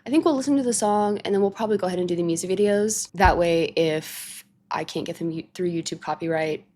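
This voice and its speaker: Speaking fast at a fairly low pitch with a dark tone, a congested, sick woman reacts to music on her channel. She chats casually to camera with a nasal sound, thinking out loud with plenty of fillers.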